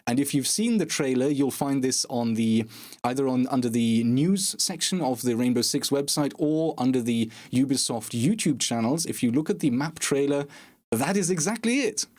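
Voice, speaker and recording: A man's voice: medium pitch, animated, normal speed, a little mellow. A man hosting a casual gaming podcast, chatty and self-deprecating, with sarcastic asides. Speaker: podcast host.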